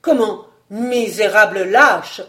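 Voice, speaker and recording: A reader voicing a furious, scheming male nobleman in an audiobook, shouting and cursing. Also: medium pitch, measured pace, close to an everyday voice. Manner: shouting, blasphemous outbursts. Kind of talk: audiobook character reading.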